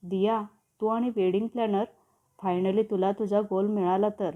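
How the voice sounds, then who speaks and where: A kind, composed young woman who speaks gently, read by a woman storyteller. The sound is thin and phone-like. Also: medium pitch, steady tone, moderate pace, close to an everyday voice. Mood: gentle. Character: kind sensible young woman, interior designer.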